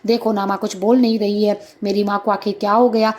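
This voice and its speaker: A woman's voice: mid-range voice, level tone, a little fast, darkish tone, close to an everyday voice. A woman voicing a desperate, grieving young son in a spoken story, pleading for help.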